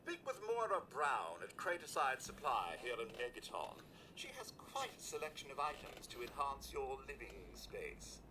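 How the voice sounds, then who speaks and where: A man voicing a courteous male robot butler in a video game, speaking formally and with deadpan politeness. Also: mid-range voice, normal speed, few pauses, background noise. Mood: polite. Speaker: game character.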